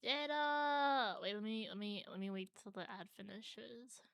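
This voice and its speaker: A woman's voice: on the high side, measured pace, creaky, fairly bright tone, clear, resonant tone, no room sound, clean studio sound. A woman livestreamer chatting casually with viewers in a cute, bubbly anime-streamer manner. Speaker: variety streamer.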